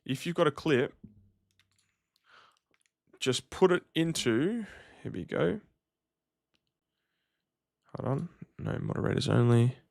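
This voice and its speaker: A man's voice: a little high, animated, takes it slowly, vocal fry, long pauses, darkish tone, no echo, studio quality. A man, chatting casually to livestream viewers in a slangy, matey way. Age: 30s. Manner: laid-back slangy, matey address. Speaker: livestream host.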